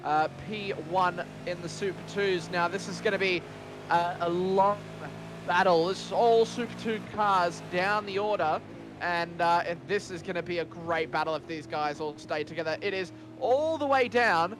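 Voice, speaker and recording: High-pitched male motorsport commentator over engine noise. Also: normal speed. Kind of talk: sim racing play-by-play commentary. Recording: constant car engine noise. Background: race cars and engine noise.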